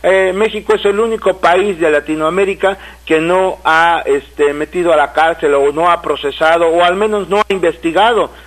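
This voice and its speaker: A Mexican man co-hosting a casual radio talk show, an animated storyteller who restarts and repeats words as he goes. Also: a little high, moderate pace, hardly any pauses, low-quality recording. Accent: Mexican Spanish. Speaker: radio co-host and writer. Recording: radio broadcast.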